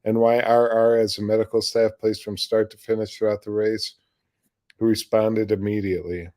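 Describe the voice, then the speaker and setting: A hoarse man hosting a livestream news show, reading stories aloud and breaking off into loose, rambling commentary. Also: on the low side, level tone, normal speed, darkish tone. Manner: rambling, loose, with off-the-cuff asides and restarts.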